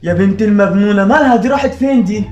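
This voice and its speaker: A man's voice: high-pitched, very fast, a little mellow, dull audio. A young man with an Egyptian accent, playing himself in a comedy sketch, whiny and indignant. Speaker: comedy creator. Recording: echoey room with faint music.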